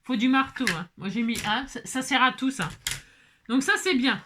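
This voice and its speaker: A woman's voice: high voice, moderate pace, noisy background. A woman vlogging casually as she assembles a craft kit, chatting to viewers, exclaiming and muttering to herself when pieces go wrong.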